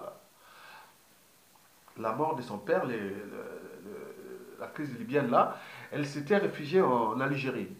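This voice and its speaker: A man's voice: mid-range voice, a bit bright. Rambling man in his fifties, roomy echo. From Congo. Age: 50s. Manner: digressive, repeats words, many fillers and restarts. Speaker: political activist. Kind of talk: rambling political monologue.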